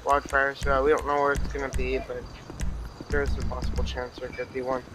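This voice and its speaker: A man's voice: medium pitch, completely flat delivery, a little fast, a crowd in the background, poor audio. A man role-playing a fire crew member in an online game, talking in procedural stock radio phrases. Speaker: fire engine role-player.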